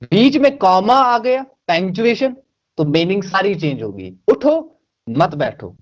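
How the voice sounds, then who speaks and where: Lively Kashmiri man giving writing advice. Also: high voice, a little slow. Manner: lively, mixes English words into Hindi, repeats phrases. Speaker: writer, interview guest. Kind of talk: casual interview answers.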